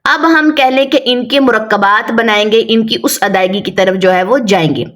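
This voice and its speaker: A woman with a Pakistani Urdu accent, teaching a Quran reading lesson and patiently drilling syllables, slowly and with repetition. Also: on the high side, fairly bright tone. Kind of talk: step-by-step recitation lesson.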